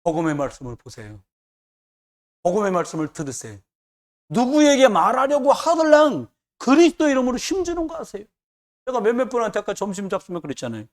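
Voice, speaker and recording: A man's voice: high-pitched, big pitch swings, a little fast. A man preaching a sermon as pastor, emphatic and repetitive, with joking asides.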